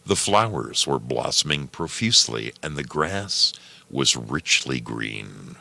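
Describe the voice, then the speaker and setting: Very deep, gravelly man narrating a story. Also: big pitch swings, slow, sharp tone, no room sound. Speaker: host reading a story aloud. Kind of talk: scripted story narration, measured.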